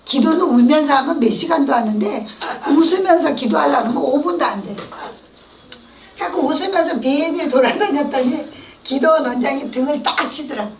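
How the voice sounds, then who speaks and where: A middle-aged woman with a high voice tells her testimony in church, lively and animated, slipping into the voices of the people she quotes. She sounds a little far from the mic in an echoey hall, with faint room ambience behind her. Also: brisk, crowd noise. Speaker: testimony speaker.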